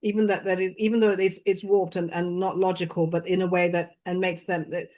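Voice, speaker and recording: A woman in her sixties hosting an interview, speaking softly and haltingly with many restarts. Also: lowish voice, flat delivery. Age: 60s. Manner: soft, halting, many restarts and trailing words. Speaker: host. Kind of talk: heartfelt conversational interview.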